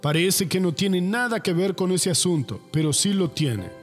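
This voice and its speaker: Older preacher with ringing reverb. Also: male voice, sits high, lively intonation, normal speed, soft background music. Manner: emphatic, rhetorical questions answered himself. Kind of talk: sermon.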